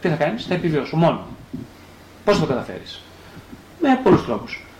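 A man with a fairly high voice lectures as a psychotherapist, and his pitch swings widely as he asks questions and answers them himself. Now and then he slips into the first-person voice of a child. The room is echoey, with faint noise underneath. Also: huge pitch swings.

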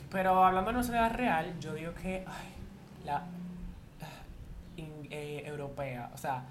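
A man's voice: fairly high pitch, unhurried. A man hosting a casual podcast in a campy, playful way, calling people "my love". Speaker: podcast host. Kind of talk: casual chat. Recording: echoey room, faint noise.

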